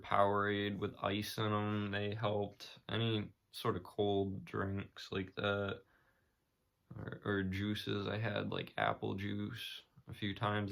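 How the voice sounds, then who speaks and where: A young man with a fairly low, gravelly voice talks casually to his vlog audience. His delivery is very flat and matter-of-fact, with hesitant, unscripted phrasing. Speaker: vlogger sharing personal recovery experience.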